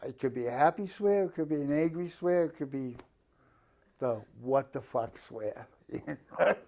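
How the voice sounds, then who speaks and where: A man in his fifties from the Boston area, with the local Boston accent. His tone is mellow and dark, at a middling pitch. He talks casually and bluntly, like someone answering questions about himself. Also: expressive, normal speed. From Boston area, Massachusetts, USA. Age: 50s. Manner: blunt, plain-spoken, given to swearing. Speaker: interviewee. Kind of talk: casual chat.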